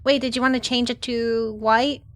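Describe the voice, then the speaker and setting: A woman's voice: fairly high pitch, flat delivery, moderate pace, no room sound. A woman chatting casually as a co-streamer during a game, recorded on a close microphone. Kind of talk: casual chat while gaming.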